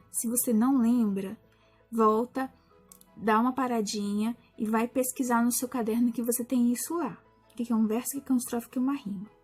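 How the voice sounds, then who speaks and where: A Brazilian woman teacher explaining a lesson to primary school pupils in a patient way, often pausing and restarting. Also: a little high. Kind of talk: recorded class explanation.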